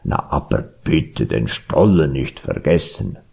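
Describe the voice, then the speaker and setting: A man's voice: expressive, slow pace, vocal fry, darkish tone, heavily acted. A man voicing a grumbling, sweet-toothed bear in a told animal story. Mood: grumbly. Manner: grumbling, low.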